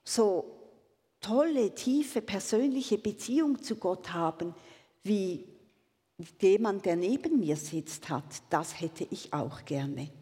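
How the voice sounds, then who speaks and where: Slow, breathy woman preaching. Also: mid-range voice, expressive, mellow, big-room sound. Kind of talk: sermon with read-aloud story.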